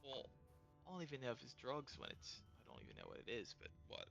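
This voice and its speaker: A man's voice: medium pitch, wildly swooping pitch, fast, creaky, a bit bright, faint music behind, full character voice. A man voicing a blunt, foul-mouthed adventurer in a tabletop game. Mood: wry. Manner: swears a lot, blunt. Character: rough-talking man who swears, shaken after a strange vision.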